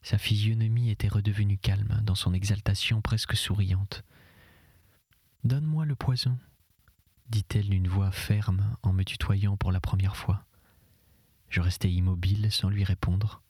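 A man narrating a literary novel in the first person in an audiobook, in measured, often hushed and breathy tones. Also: lowish voice, little pitch movement, dry recording. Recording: dry close recording.

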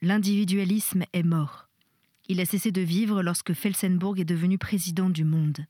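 A woman reading the part of a weary middle-aged husband who lectures his wife in a measured, insistent way. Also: high-pitched, fairly even intonation, dark tone, no echo, clean studio sound. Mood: lecturing.

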